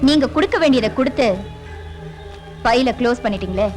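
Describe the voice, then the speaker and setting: A woman's voice: a little high, lively intonation, brisk, loud music behind the voice, close to an everyday voice, rough recording. A woman playing a defiant, bitter woman. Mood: accusing. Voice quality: defiant, sharp. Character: defiant woman writing her memoir, bitter. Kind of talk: dubbed film dialogue.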